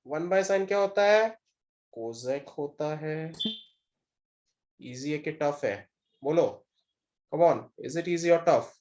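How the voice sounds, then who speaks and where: An Indian man with a high, darkish voice lectures a math class, drilling students with short repeated questions and mixing English phrases into his Hindi. The recording sounds muffled.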